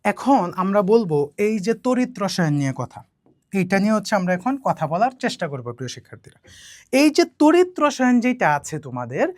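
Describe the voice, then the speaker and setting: A woman chemistry teacher with a Bangladeshi Bengali accent, giving an exam-prep lesson slowly and deliberately, often repeating herself and checking in with students. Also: mid-range voice, big pitch swings, darkish tone, no echo.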